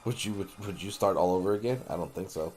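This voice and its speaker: Deep-voiced, profane gaming stream host. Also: male voice, fast, a little mellow, a little hiss or hum. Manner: loose, profane and joking, talks to viewers as buddy. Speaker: livestream host. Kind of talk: casual late-night gaming stream chat.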